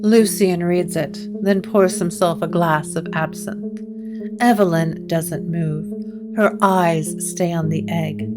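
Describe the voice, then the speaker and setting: With a steady tone and a slightly low pitch, a woman delivers solemn, atmospheric narration for a gothic audio drama. Her pacing is slow and measured, and background music plays clearly.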